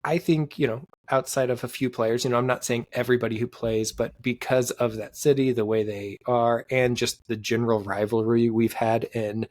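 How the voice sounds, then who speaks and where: A man co-hosting a sports podcast, rambling in casual chat with lots of fillers and sudden pitch jumps. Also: fairly even intonation, moderate pace, hardly any pauses, darkish tone, no echo. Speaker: podcast co-host.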